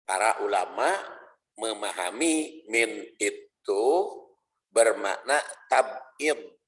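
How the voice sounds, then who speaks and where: Sundanese-accented male preacher, slow and deliberate, mid pitch, long hall reverb. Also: lively intonation, fairly bright tone. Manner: slow, deliberate explanation with stressed repeated phrases. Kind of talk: dawn study sermon.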